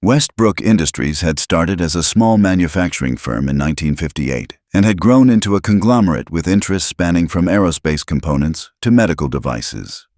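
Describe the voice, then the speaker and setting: A man narrating a dramatic story in a steady, scripted storytelling voice. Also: low voice, brisk, hardly any pauses, no echo, studio quality.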